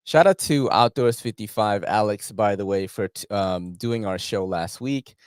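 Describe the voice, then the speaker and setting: A man's voice: fairly low pitch, a little slow, smooth, no echo, studio quality. A man, hosting a casual, rambling knife-channel chat full of slang. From New York City. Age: 40s. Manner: rambling, laughing, slangy with frequent filler.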